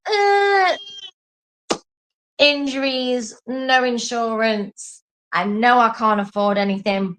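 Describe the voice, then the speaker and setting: A woman's voice: on the high side, poor audio. A woman chatting casually as a co-host, telling stories in a rambling, self-mocking way with some swearing. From lived in Singapore, English family. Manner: rambling, animated storytelling with self-mockery and swearing. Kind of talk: casual chat.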